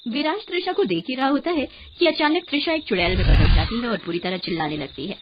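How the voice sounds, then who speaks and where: A woman narrating a cartoon horror story in a dramatic, expressive way. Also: on the high side, quick pace. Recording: muffled, with a clear hiss.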